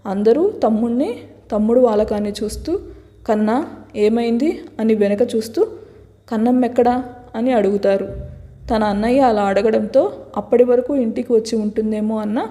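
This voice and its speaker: A woman storyteller narrating a serialized romance story in a steady, dramatic reading. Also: a little high, a little fast. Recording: long hall reverb.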